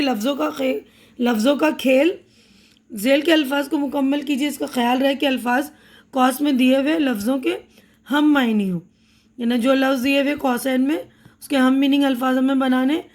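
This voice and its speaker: A woman's voice: high-pitched, darkish tone. A woman teacher with an Indian Urdu accent explaining a textbook chapter, patiently repeating words for her pupils and slipping in English terms.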